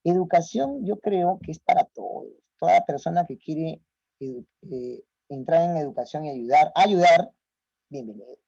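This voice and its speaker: Guy teaching a class online, punchy rhetorical questions, mellow voice, dull lo-fi sound. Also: fairly high pitch, lively intonation, normal speed, creaky, husky, dry recording. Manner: emphatic, rhetorical questions to students. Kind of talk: online lecture. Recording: muffled lo-fi audio.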